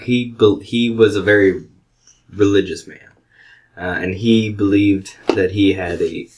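A man's voice: on the low side, fairly even intonation, measured pace, background noise. An American man in casual comedic podcast chat, telling rambling stories in an irreverent, ranting way. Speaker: podcast host.

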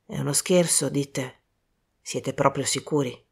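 A woman voicing a calm, grave older male detective in an audiobook reading, speaking slowly and quietly. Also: deep voice. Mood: grave, measured. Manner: slow, hushed and measured.

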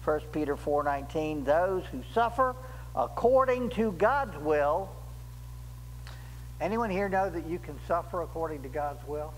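An older male pastor preaches from a church pulpit, slow and deliberate, his fairly high voice rising sharply on stressed key words. His intonation is lively. The recording has a long hall reverb and a faint hum in the background.

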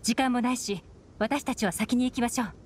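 A woman voicing a shrewd, composed secret agent in an anime game, speaking in a cool, measured, instructing manner. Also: a little high, noisy background, close to an everyday voice. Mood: brisk, composed. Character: composed, shrewd adult woman agent leading a covert mission.

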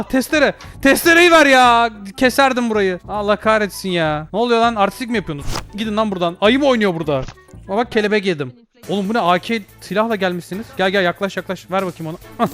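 A young man playing a VR game on his channel, talking to the characters in loud, excitable commentary, often shouting and swearing at them. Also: sits high, fast talker, faint music behind. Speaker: gaming YouTuber. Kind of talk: excited let's-play commentary.

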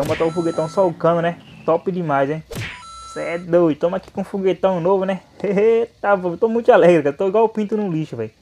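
With a high, darkish voice and a little hiss or hum behind it, this young motovlog host talks excitedly in a Brazilian Portuguese accent. His commentary is slangy and hyped, peppered with tags such as "né" and "hein".

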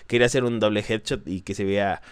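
A man's voice: on the low side, steady tone, quick pace, clear, resonant tone, dry recording, studio quality. A young man with a Mexican accent commentating a game as he plays, swearing and crying out in nervous alarm. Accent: Mexican Spanish. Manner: jumpy, swearing, nervous exclamations. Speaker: gameplay commentator. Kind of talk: let's play commentary.

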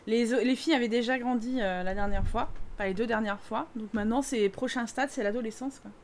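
Chatty high-voiced Parisian woman streamer. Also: brisk, a little hiss or hum. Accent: Parisian French. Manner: chatty, teasing, reads chat aloud. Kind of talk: casual live-stream chat over gameplay.

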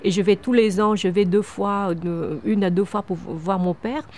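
Out on a wooden terrace among the trees, a Vietnamese woman in her fifties answers interview questions with earnestness, repeating words and starting over often. She founded a microcredit charity, and her mid-range voice is darkish, fairly even in intonation, and moderately paced, with slight background noise.

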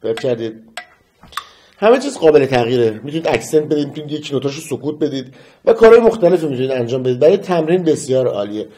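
A man teaching metronome practice in a casual lesson, counting beats aloud and humming a melody slowly. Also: mid-range voice, sing-song, dark tone. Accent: Persian. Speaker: music teacher.

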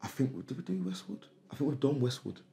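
A man's voice: medium pitch, sing-song, fast talker, creaky, mellow. A man telling stories in a casual, slangy way as a podcast guest, often repeating himself. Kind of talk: casual storytelling chat. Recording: roomy echo.

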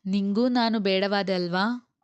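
A woman's voice: medium pitch, a little slow, clear, resonant tone, no echo, muffled recording, natural voice. A woman voicing a grieving young mother who speaks tearfully and turns bitter.

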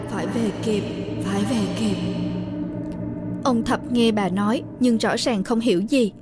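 A woman reading a horror story aloud in a steady, measured narration. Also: on the high side.

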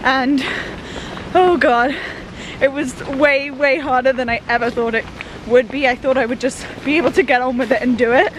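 A woman's voice: sits high, fairly even intonation, normal speed. A woman in her twenties chatting casually to her vlog camera in a nervous, hesitant way. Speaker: vlogger. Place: in a car and on an outdoor path. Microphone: camera at arm's length. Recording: noisy camera audio, car and wind.

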